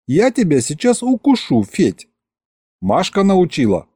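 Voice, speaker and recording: A man's voice: high-pitched, wildly swooping pitch, measured pace, mellow, husky, no echo, voice pushed up, heavily acted. A playful young wife from a folk-tale audiobook, put on by a male reader. She coaxes and teases in a folksy lilt that swings up and down. The recording is dry and close. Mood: teasing. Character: young affectionate teasing peasant wife.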